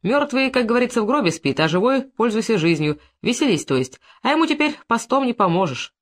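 A reader voicing a gruff, dismissive middle-aged man with a brusque, mocking way of talking. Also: mid-range voice, big pitch swings, fairly quick, a bit bright, voice pushed up.

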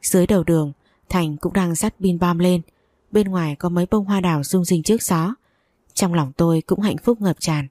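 A woman narrating a first-person audio story in a steady, even reading voice. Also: lowish voice, normal speed, no echo.

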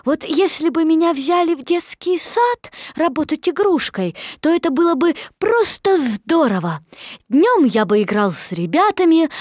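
A woman voicing a small, gentle, earnest male storybook creature, with an eager, emphatic delivery. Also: sits high, no room sound, studio quality.

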